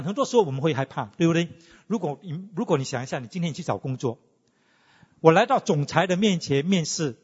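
A man preaching a sermon, teaching in an animated way and asking the congregation questions. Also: a little high, breathy edge. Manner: animated teaching, asks the congregation questions, mixes in English tags. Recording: lo-fi with long hall reverb.

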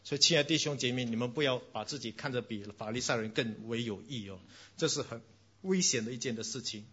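Lively preaching man, bright and husky. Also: mid-range voice, quick pace. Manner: animated storytelling, mixing in bits of English. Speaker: pastor. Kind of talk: sermon. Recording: dull, lo-fi recording.

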